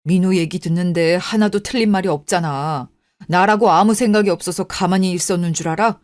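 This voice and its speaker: A woman's voice: lowish voice, fairly quick, darkish tone, no echo, clean studio sound, natural voice. A woman voicing a weary middle-aged husband, worn down by caring for his mother, in a radio drama. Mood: pained. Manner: pleading, then venting frustration. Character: middle-aged husband, patient son, tired and strained. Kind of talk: Korean radio drama acting.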